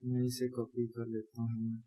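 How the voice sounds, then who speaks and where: A man's voice: mid-range voice, monotone, unhurried, mellow. A young man teaching a coding lesson, talking through each step as he types and correcting himself as he goes. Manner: talks through each step while typing, self-correcting. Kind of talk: screen-recorded coding tutorial.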